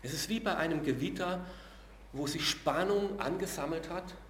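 Prediger in hallendem Saal. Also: male voice, on the high side, echoey room, a little hiss or hum. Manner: earnest, slows and drops to a hush on key words; uses filler sounds between phrases. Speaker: preacher. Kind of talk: sermon.

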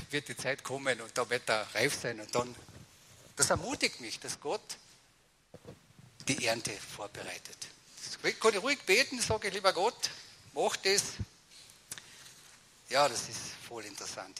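A man preaching a sermon in a conversational, storytelling way, often tagging his sentences with questions to the congregation. He swings between loud excited bursts and quiet, low-voiced passages. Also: normal speed, slight background noise. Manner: conversational, animated storytelling with frequent tag questions.

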